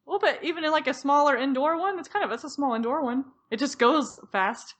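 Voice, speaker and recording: A young woman co-hosting a podcast in casual chat, giggly and excitable, with quick bursts of delight. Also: high voice. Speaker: podcast co-host.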